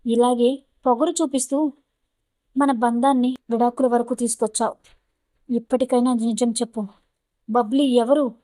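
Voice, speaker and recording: A wounded, angry ex-husband, as a woman narrator puts him on, pressing with demanding questions. The voice sits a little high and sounds close and dry. It is a plain storybook reading with no studio room around it. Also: fairly even intonation, moderate pace, long pauses, dark tone, dry recording, close to an everyday voice. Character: grown man, angry, hurt ex-husband.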